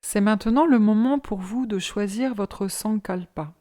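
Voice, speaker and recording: She's a yoga teacher talking listeners through a relaxation exercise, her mid-range voice gentle, unhurried, and calming.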